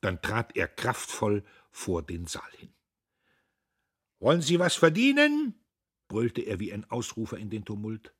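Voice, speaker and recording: A man reading a novel aloud in a dramatic, expressive narration. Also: fairly low pitch, normal speed, few pauses, breathy edge. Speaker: audiobook reader. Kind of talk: literary audiobook narration.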